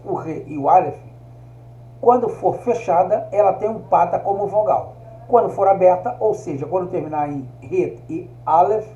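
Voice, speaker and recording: A man's voice: sits high, dark tone. A man giving a recorded video lesson, explaining step by step and often checking in with his listeners. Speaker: teacher. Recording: echoey room, dull lo-fi sound.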